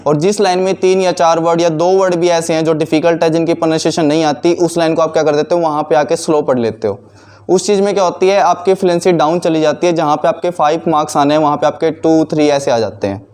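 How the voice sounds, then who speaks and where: Male instructor, high voice, quizzing himself as he explains to a class. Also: fast, darkish tone. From India. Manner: explains by asking and answering his own questions. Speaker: teacher. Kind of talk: classroom teaching.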